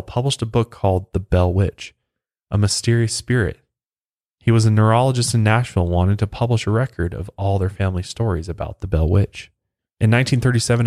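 A man's voice: lowish voice, darkish tone, no room sound, studio quality. A man telling a local ghost legend in a casual, chatty way, with off-the-cuff asides. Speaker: storyteller host. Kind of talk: casual spoken storytelling.

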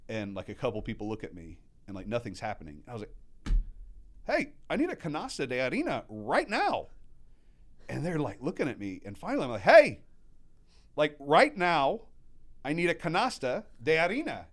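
Here a restaurant manager in his thirties, appearing as a guest, speaks at medium pitch and normal speed. Born in Mexico to American parents, he keeps the chat casual, animatedly acting out quotes while recounting his restaurant stories.

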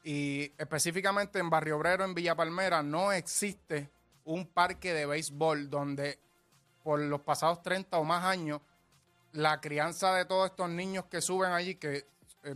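A Puerto Rican man speaks earnestly and from the heart on a radio show. His voice sits a little high. Faint music plays underneath. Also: fairly bright tone. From Puerto Rico. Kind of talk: heartfelt on-air appeal.

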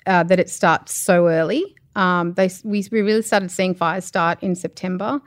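Australian woman, low voice, measured sober answers, dry close recording. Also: steady tone, no echo. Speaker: animal welfare area manager. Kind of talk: interview answers.

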